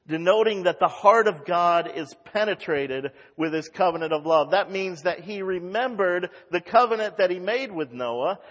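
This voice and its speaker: Male pastor, pulpit microphone, church sanctuary with long reverb, reads scripture and explains it, higher voice. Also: fairly bright tone, lo-fi sound. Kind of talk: expository sermon.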